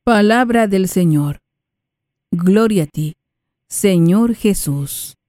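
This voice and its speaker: A woman reading scripture and a psalm aloud in a slow, solemn liturgical recitation. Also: medium pitch, expressive, mellow, no echo, clean studio sound. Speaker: scripture reader.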